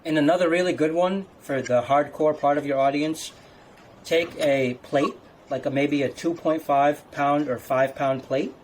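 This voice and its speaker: A man's voice: a little high, fairly even intonation, unhurried, a little hiss or hum. A man talking casually like a fitness coach, giving instructions step by step.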